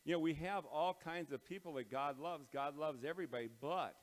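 F. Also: male voice, fairly high pitch. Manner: plain, halting delivery with many ums and uhs. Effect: big hall echo. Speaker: pastor leading morning devotions. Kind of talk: casual devotional talk and prayer. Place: large empty auditorium under renovation, bare floors. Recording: long echo of a large, empty hall.

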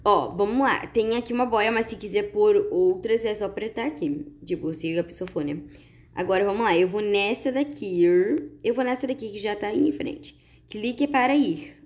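A woman with a Brazilian Portuguese accent giving chatty, excited gameplay commentary to her viewers. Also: mid-range voice, normal speed. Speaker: gaming YouTuber.

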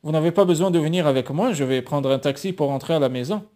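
Un homme qui lit un roman et prête sa voix à une jeune étudiante troublée mais décidée. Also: male voice, a little high, fast talker, warm tone, natural voice. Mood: résolue.

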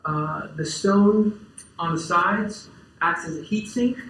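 A man's voice: high voice, slow pace, a bit bright. A young man giving a casual farming presentation in a lecture hall, often saying "uh" and "um" and restarting his sentences. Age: young adult. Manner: casual, many fillers and restarts. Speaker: farmer giving a talk. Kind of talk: conference presentation. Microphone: distant camera in the audience. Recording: roomy lecture hall echo.

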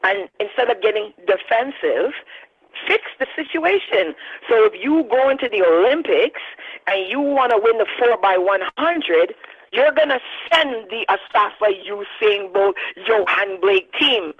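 A woman in her thirties, a radio interview guest, making an animated, emphatic argument. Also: mid-range voice, unhurried, slightly rough. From Barbados. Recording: dull lo-fi sound.

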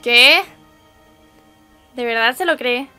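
High, bright-voiced Chilean woman reacting. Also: slow, clear, resonant tone, faint music behind. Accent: Chilean Spanish. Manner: exclamatory, sympathetic asides to the viewers. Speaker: anime reaction host. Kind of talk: casual reaction commentary.

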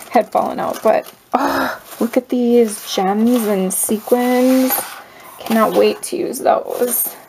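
A woman unboxing crafty mail in a casual vlog, gasping and gushing with delight, sometimes dropping into soft breathy asides. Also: fairly high pitch, noisy background. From United States. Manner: gushing, gasping, lots of "oh my gosh"; slow, drawn-out speech with soft breathy asides.

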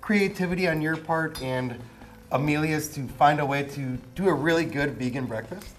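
A man's voice: fairly high pitch, normal speed. A man in his thirties hosting a local TV cooking segment, upbeat and enthusiastic. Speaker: TV show host. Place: indoor TV studio kitchen set.

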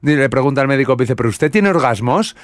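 A man who tells jokes with halting, animated storytelling. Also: medium pitch, no echo, clean studio sound. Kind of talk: joke telling.

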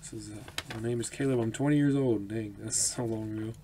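Fairly low in pitch and a little fast, with fairly even intonation, this twenties man opens his mail for a home vlog on his autograph collecting channel. He's upbeat and chatty, quick to laugh and heavy on the ums. The recording, made in a small home room, is noisy.

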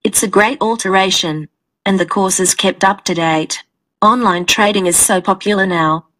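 A woman acts as an agreeable female college student with a medium-pitched voice. It is a scripted dialogue for a listening exam. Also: normal speed, a bit bright, lightly acted. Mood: agreeable, informative.

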